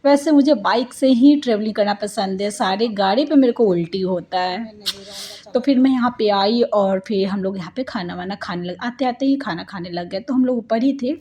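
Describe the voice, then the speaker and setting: Chatty, rambling mom vlogger. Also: female voice, medium pitch, normal speed, mellow, husky. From India. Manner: chatty and rambling, with many fillers and homely asides. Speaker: family vlogger, mother. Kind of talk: casual vlog narration.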